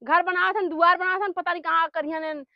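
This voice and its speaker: A woman playing an exasperated village wife who loudly nags and complains, in a comedy sketch, with an eastern Uttar Pradesh Awadhi accent. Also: very high-pitched, fairly even intonation, a little fast, no room sound. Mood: angry scolding. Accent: eastern Uttar Pradesh, Awadhi-Bhojpuri. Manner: loud, nagging, complaining. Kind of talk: rural comedy sketch acting. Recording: dull lo-fi video sound.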